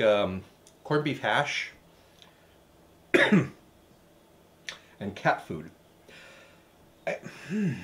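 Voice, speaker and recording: A man's voice: on the high side, slight background noise. A man hosting a recipe show, tasting a dish with dry, hesitant, wry asides. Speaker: cooking show host. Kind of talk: casual recipe review.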